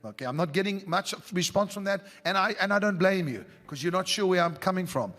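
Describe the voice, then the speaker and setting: A man's voice: sits high, animated, brisk. A man preaching a fervent prophetic sermon, calling out to the congregation. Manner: fervent, rising to shouts, talks to the audience. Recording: long hall reverb with faint music.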